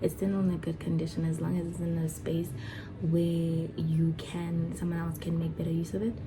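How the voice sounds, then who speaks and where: A woman's voice: fairly low pitch, normal speed, low-quality recording. Chatty young woman vlogging over music. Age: 20s. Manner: chatty, excited, nervous, with many fillers and restarts. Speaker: vlogger and foundation founder. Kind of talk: casual talk to camera.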